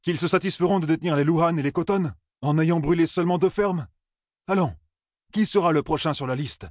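A man reading an audiobook, voicing an earnest, forceful young village man who urges others with pleading, husky speech. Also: on the high side, brisk, no echo, clean studio sound, voice pushed up, close to an everyday voice. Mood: challenging. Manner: pleading, urgent persuasion.

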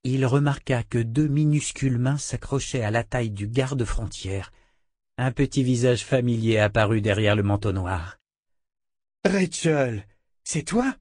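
A man reading a fantasy novel aloud as narrator, in an even, measured way. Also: medium pitch, no room sound, clean studio sound. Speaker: audiobook narrator. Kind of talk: scripted narration.

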